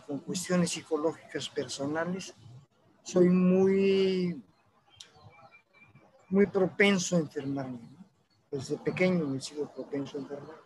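High-voiced man with a Mexican accent. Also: slight background noise, low-quality recording. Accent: Mexican Spanish. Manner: halting and reflective, often ends with a questioning tag. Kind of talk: personal reflective monologue.

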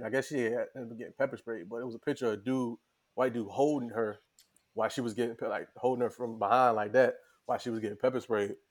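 A man talks loosely with friends, full of slang and easy asides. His voice sits in a middle pitch and he tells his stories in a relaxed, unhurried way. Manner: slangy, laid-back storytelling. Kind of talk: casual podcast chat.

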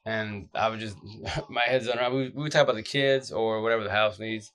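A man speaks in a low, groggy voice that sounds drained from lack of sleep. He gives advice casually and off the cuff, like a streamer talking to followers. His delivery is blunt and slangy, circling back over the same short phrases. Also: fairly even intonation, fairly quick, fairly bright tone, smooth. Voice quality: deep, groggy voice. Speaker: social media advice streamer.

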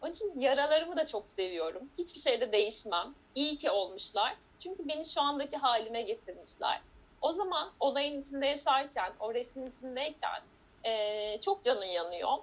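A woman with a high, breathy-edged voice talks earnestly and reflectively as a guest. The recording is dull and lo-fi. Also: expressive, normal speed, fairly bright tone. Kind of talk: casual conversation. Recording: dull lo-fi sound.

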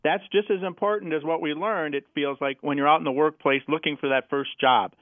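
A man's voice: on the high side, steady tone, brisk, dry recording. An American man explaining things as a financial advisor guest, plain-spoken, with examples and rhetorical questions. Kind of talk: explanatory interview talk. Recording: tinny phone-like radio sound.

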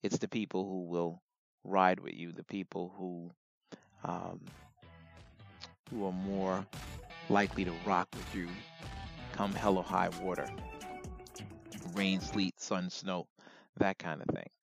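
A man with a raspy, gravelly voice giving informal solo commentary as a host, in a measured, reflective way with deliberate pauses. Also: low voice, flat delivery, faint music behind.

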